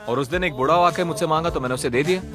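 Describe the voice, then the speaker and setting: A man's voice: a little high, rapid-fire, close to an everyday voice. A man playing a sheepish, hesitant hustler. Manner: hesitant, apologetic. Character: sheepish uneducated hustler confessing a mistake. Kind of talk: Hindi film dub. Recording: film soundtrack with music. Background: film score.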